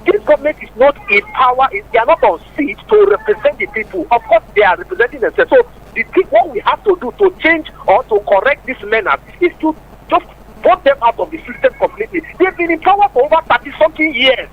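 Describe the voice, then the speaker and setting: A man's voice: very high-pitched, sing-song, fast, vocal fry. A man calling in over the phone to a radio show, giving emphatic political commentary and asking rhetorical questions. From Nigeria. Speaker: radio call-in caller. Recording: muffled phone line with faint hiss.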